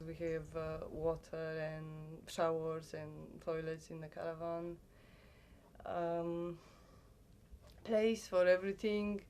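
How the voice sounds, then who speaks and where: A woman from Romania with a Romanian accent, a seasonal farm worker speaking softly and hesitantly in an interview. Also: deep voice, little pitch movement, slow, slight background noise. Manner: soft, hesitant, searching for words.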